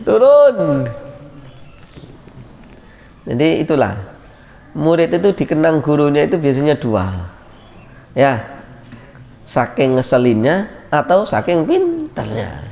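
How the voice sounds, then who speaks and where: A man gives a relaxed religious lesson as a boarding school teacher. His voice sits slightly high and has a gravelly edge. He jokes with his students and calls their names out loudly, and every word carries a long reverb tail through a big hall. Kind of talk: casual religious lecture.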